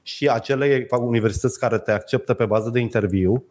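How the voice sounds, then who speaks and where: A man's voice: mid-range voice, darkish tone. A man co-hosting a casual podcast chat, blunt and crude, arguing his points plainly. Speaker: podcast co-host.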